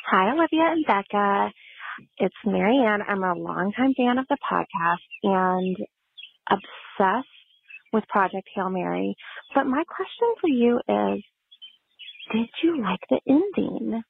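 A woman's voice message played back over a thin, phone-like line. Her voice is gravelly and a little husky, at an ordinary pitch. She talks like an earnest, gushing fan. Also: animated, unhurried. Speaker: listener leaving a voicemail. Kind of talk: recorded voice message.

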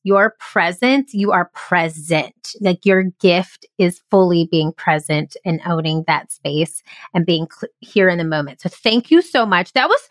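A woman's voice: fairly low pitch, expressive, a little slow, no room sound, studio quality. A woman hosting a podcast interview, talking in an effusive, enthusiastic, casual way. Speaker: podcast host.

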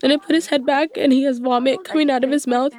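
A woman's voice: high voice, fairly even intonation, quick pace, a little mellow. A woman being interviewed, telling her story in an emotional way and acting out what people said. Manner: emotional, acts out quoted dialogue. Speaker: interviewee, widow recounting. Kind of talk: personal interview recollection.

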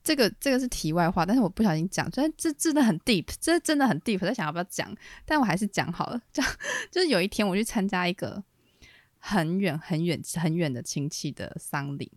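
Young woman podcast co-host, rapid casual storyteller, dry close sound. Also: lowish voice, dry recording. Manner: animated, laughs often, quick rambling restarts.

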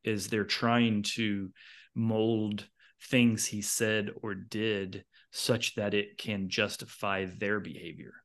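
A man with a lowish voice making his case in relaxed podcast conversation. He talks in earnest bursts, circling back with quick asides as he builds his argument. He uses plain, everyday speech. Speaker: podcast co-host. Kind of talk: casual discussion.

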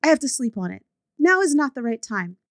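An eager female business coach, put on by a woman reading her words, speaks in a high, chirpy, insistent voice. Her pitch rides well above an everyday speaking voice. The recording is dry and close. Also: sing-song, a little fast, no room sound.

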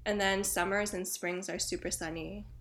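A woman's voice: mid-range voice, fairly even intonation, normal speed, a bit bright, a little hiss or hum. A woman in her twenties from Hawaii, a podcast guest chatting casually and laughing often, with plenty of fillers. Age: 20s. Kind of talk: casual chat.

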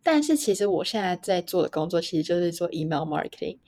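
A woman's voice: fairly low pitch, big pitch swings, fast, dark tone, dry recording. A woman hosting a casual podcast interview, chatting and laughing at herself now and then. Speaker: podcast host.

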